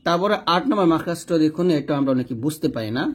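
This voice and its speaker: A man teaches Quran recitation one step at a time, slowly sounding out Arabic letters and explaining the pronunciation of each while pointing to a diagram. His voice is fairly high, animated, and a bit rough.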